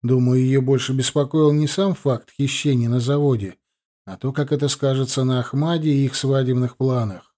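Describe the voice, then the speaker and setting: Man, audiobook reader, mellow warm tone, measured steady narration. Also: mid-range voice.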